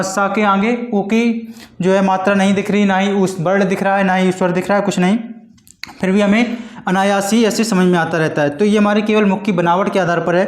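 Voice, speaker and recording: A man teaching a Hindi grammar lesson for exam preparation, explaining slowly and repeating points, with frequent check-ins. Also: high voice, reverberant.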